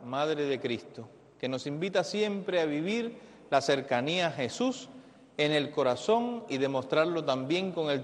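A man, a priest, celebrating Mass in a large church, speaking in a slow, solemn liturgical cadence with a cathedral echo. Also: fairly high pitch. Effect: cathedral echo, long church reverb. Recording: echoey church broadcast with long reverb.

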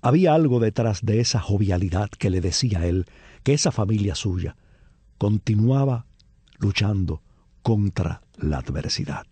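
A man explaining a literary text to an audience. He talks to his listeners directly, asks rhetorical questions and answers them, and slows down to stress key phrases. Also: on the low side, expressive, mellow, breathy edge, dry recording. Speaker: literary commentator.

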